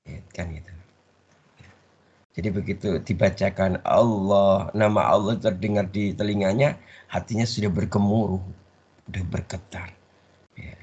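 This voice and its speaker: Gravelly, low-voiced religious teacher. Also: male voice, steady tone, moderate pace, pauses often, darkish tone. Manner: call-and-response, leaves words half-said for the audience to finish. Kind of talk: Islamic study lecture. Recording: dull lo-fi recording.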